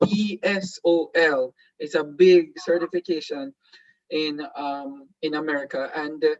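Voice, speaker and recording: Hosting an online seminar, a Jamaican man whose first language is Patois speaks in a slightly high voice at a measured pace. His delivery is halting, riddled with fillers, ums and restarts. Dry, slightly muffled sound.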